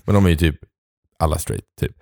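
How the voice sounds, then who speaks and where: A man's voice: low voice, fairly even intonation, vocal fry, warm tone, no room sound, studio quality. A man co-hosting a casual podcast chat, giggling often and mimicking voices in playful asides. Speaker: podcast co-host.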